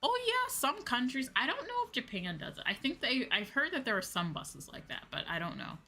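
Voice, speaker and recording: Her high-pitched voice is sing-song and brisk, with a sharp tone. She is a VTuber host from the United States, chatting on her livestream in a loose, slangy, meandering way over background music.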